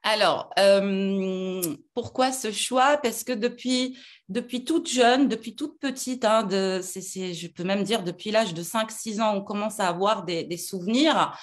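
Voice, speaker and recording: A woman's voice: mid-range voice, measured pace. A middle-aged woman from Algeria, a lawyer being interviewed, talking with many fillers and restarts. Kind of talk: casual interview talk.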